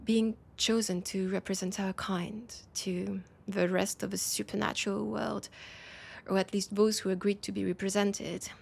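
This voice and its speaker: A woman with a French accent voicing a weary, wry female vampire in an intimate audio roleplay, speaking in a breathy, hesitant, confiding way. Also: medium pitch, level tone, normal speed, a little mellow. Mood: musing, wry. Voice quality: breathy, husky.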